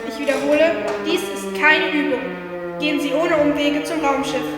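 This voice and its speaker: Woman doing a school air raid loudspeaker announcement, high voice, long booming echo, siren and music behind. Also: expressive, normal speed. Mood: urgent. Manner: urgent, repeating official warnings. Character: woman announcing an evacuation over the school intercom. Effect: alarm announcement over a school loudspeaker. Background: wailing siren and music.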